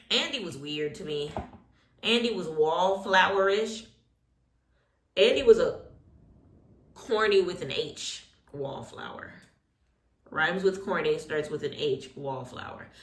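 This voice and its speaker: In a reverberant space, a woman with a fairly low voice, of Haitian heritage, gets ready while hosting a laid-back reality TV recap. She's sassy and opinionated, peppering her talk with slang and asides.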